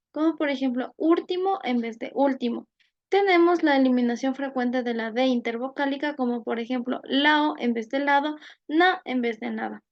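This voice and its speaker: A woman's voice: high-pitched, a little mellow, muffled recording. A woman giving a class presentation, reading out examples one by one in a methodical way.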